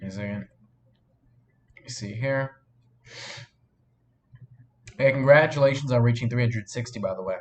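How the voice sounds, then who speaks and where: A sniffly man, a live streamer and fan film maker, hosts a casual stream in a mid-range voice at a moderate pace, leaving long pauses. He rambles through viewer chat questions with lots of fillers and restarts.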